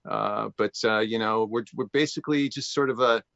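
A man's voice: fairly low pitch, normal speed, creaky, fairly bright tone, no echo. A man from the Los Angeles area, a rock band frontman, talking about his band with dry humor in an interview. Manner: dry, wry humor, chatty. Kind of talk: interview chat. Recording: dry, slightly dull remote audio.

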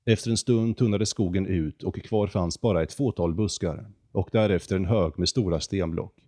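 A man narrating a storybook in a calm, measured reading voice. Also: low voice, no room sound, studio quality.

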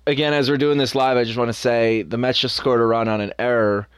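Young guy running a sports podcast, talks opinionated and animated, dry close mic. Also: medium pitch, clear, resonant tone, no room sound. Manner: opinionated, animated, quick asides. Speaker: podcast co-host. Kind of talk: casual sports chat.

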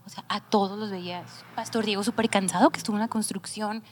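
A woman's voice: mid-range voice, steady tone, fast talker, a little hiss or hum. A woman, a church worship singer, tells a heartfelt personal testimony in casual talk among church staff, sometimes dropping to a near whisper. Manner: emotional storytelling, drops to near whisper at times.

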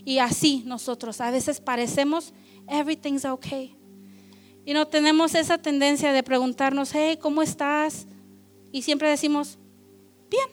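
High-voiced woman preaching a sermon. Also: a little slow, faint music behind. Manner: switches between Spanish and English, conversational and lively.

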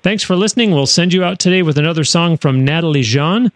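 A man's voice: a little high, expressive, fast, no room sound. A man hosting a radio interview show, recorded in a studio. He talks in a chatty way, with frequent fillers and restarts.

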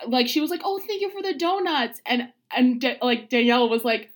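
A woman in her twenties tells stories on a podcast, giggling as she goes. Her voice sits slightly high. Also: lively intonation, brisk. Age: 20s. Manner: giggly storyteller. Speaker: podcast co-host. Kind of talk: casual group chat.

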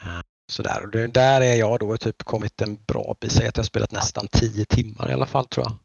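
A man's voice: fairly low pitch, steady tone, gravelly, a little mellow, husky, no echo. A man from the Nordic countries chatting casually as a podcast host, rambling with many halts and restarts. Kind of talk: casual chat. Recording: dull lo-fi dry recording.

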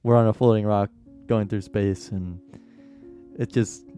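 A man's voice: on the low side, fairly even intonation, unhurried, warm tone, lo-fi sound, soft background music. A man in his twenties co-hosting a podcast, goofy and laughing in casual chat. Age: 20s. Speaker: podcast co-host.

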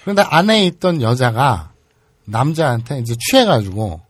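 Husky, animated man hosting casual chat. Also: medium pitch, moderate pace, no echo. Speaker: podcast host. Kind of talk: casual talk show chat.

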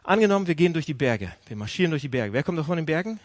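A man's voice: a little high, rapid-fire, no echo, clean studio sound. A man preaching a sermon, asking his listeners questions and often restarting or correcting himself mid-phrase. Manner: animated preaching, asks the audience questions. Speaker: pastor. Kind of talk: sermon to a congregation.

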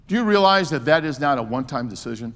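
A man's voice: mid-range voice, lively intonation, quick pace, a bit bright. Older man preaching in a reverberant hall. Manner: emphatic preaching with joking asides. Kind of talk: sermon.

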